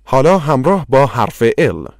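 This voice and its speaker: A man narrating a language course in slow, measured scripted instructions. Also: medium pitch, very animated, creaky, darkish tone, no room sound, studio quality.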